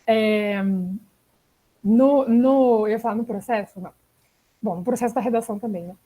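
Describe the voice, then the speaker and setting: A woman's voice: on the high side, moderate pace, warm tone, rough recording. A young woman with a Brazilian Portuguese accent teaching an online writing class in a chatty way, often checking in with the students. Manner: chatty, frequent "né?" and "tá?" check-ins.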